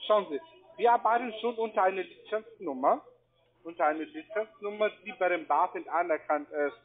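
A non-native man whose first language isn't German sells trading courses by telephone from a call center, his voice sitting high. The line sounds tinny and band-limited, and his accented pitch comes across as pushy, repetitive and halting.

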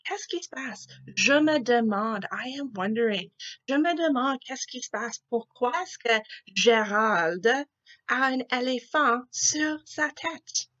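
A woman teacher reading a picture book aloud to children, slowly and expressively, asking them questions. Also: fairly high pitch, expressive, a bit bright, highs cut off.

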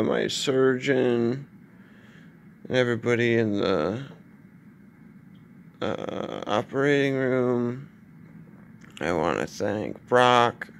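A young man, groggy from anesthetic, talking in a halting, drowsy way in a casual video diary. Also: mid-range voice, vocal fry, slight background noise. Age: young adult. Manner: slow, halting, drowsy delivery. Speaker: vlogger. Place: hospital room, lying in bed. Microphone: phone at arm's length.

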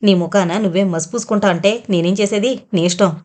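A domineering, hard-pressed mother from a storybook audio novel, voiced by a woman narrator. She pushes, coaxes and scolds in a mid-pitched voice, every line pressing her case. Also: fairly quick, darkish tone, lightly acted. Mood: scolding. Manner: pushy and persuasive, scolding. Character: poor, scheming, domineering middle-aged mother. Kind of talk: audiobook character reading.

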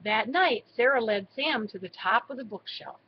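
A woman reading a children's storybook aloud in a slow, expressive way. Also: fairly high pitch, dull audio, a little hiss or hum. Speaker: storybook reader. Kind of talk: read-aloud narration.

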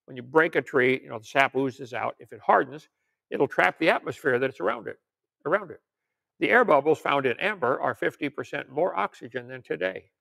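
An older preacher who lectures on creationism speaks expressively and fairly quickly, his medium-pitched voice pushed and bright with vocal fry. His informal teaching sermon has him reading out articles and viewer questions, broken up by folksy joking asides.

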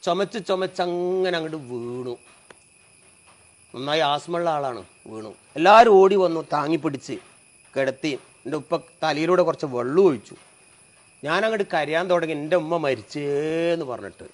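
A middle-aged man, telling an emotional personal story. His voice drops low and soft at the sad moments. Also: expressive, moderate pace.

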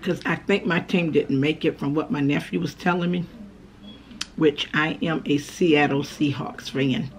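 A woman's voice: low voice, steady tone, measured pace, a little hiss or hum. A woman in her fifties chatting casually with her mouth full as she eats, recorded on a camera at a table at home. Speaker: mukbang vlogger. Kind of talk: casual chat while eating. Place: dining room at home, indoors. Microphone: camera on the table at arm's length.

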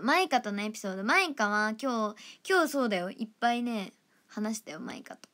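A young woman with a fairly high voice chats on her own livestream from an indoor room. She reads fan comments in an affectionate, giggly way and now and then sinks into a soft whisper. The sound comes from a simple phone or webcam mic. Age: young adult. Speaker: idol livestream host. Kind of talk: casual livestream chat reading fan comments.

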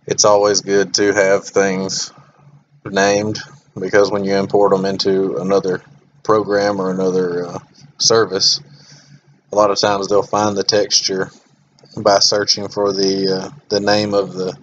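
Low, flat-voiced man explaining software. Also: a little slow, pauses often, lo-fi sound, a little hiss or hum. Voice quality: monotone. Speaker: software tutorial host. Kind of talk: screen-recorded software tutorial.

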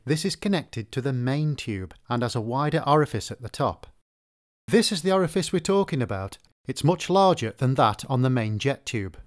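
Male narrator for a repair tutorial; methodical, lively pitch, mid-range voice. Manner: methodical, explanatory. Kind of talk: scripted instructional narration.

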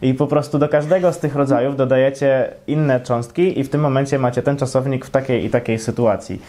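A man's voice: mid-range voice, steady tone, fairly quick, mellow. A young man hosting, explaining grammar in a chatty, lightly joking way. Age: young adult. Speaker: host. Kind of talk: casual explainer. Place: small indoor room, flag backdrop.

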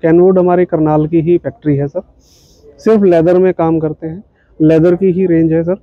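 A man's voice: a little high, steady tone, moderate pace, dry recording, narrow, tinny audio. A man in his thirties explaining his company's shoes at a trade expo stall, patient and full of fillers and polite "ji, sir". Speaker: footwear company representative. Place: indoor exhibition hall stall.

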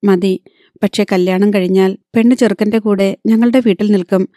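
A man's voice: high-pitched, fairly even intonation, normal speed, dark tone, dry recording, clean studio sound, close to an everyday voice. A woman voicing a greedy, stubborn man bargaining bluntly for a dowry in an audiobook.

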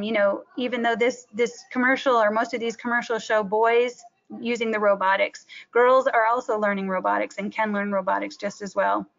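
A woman's voice: fairly high pitch, vocal fry, a bit bright. Woman presenting a school webinar. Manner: earnest, frequent ums, talks through slides. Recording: muffled lo-fi webinar audio.

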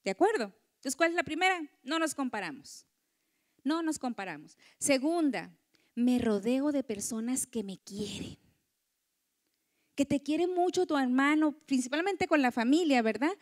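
A woman's voice: sits high, animated, normal speed. A woman giving a motivational talk to women, often asking the audience for agreement. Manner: warm lecturing, acts out quoted voices, asks audience. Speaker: conference speaker.

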